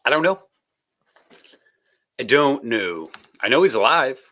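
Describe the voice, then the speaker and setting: A man hosts a live stream in loose, rambling talk, often breaking into laughter. His voice sounds bright and open. He jokes his way through greeting his guests. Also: mid-range voice, sing-song, a little slow, slight background noise. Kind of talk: casual live stream chat.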